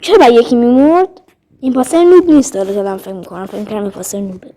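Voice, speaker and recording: A woman's voice: on the high side, steady tone, warm tone. A woman giving casual, chatty commentary while playing an online game, thinking aloud and speaking to her viewers. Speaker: gaming vlogger.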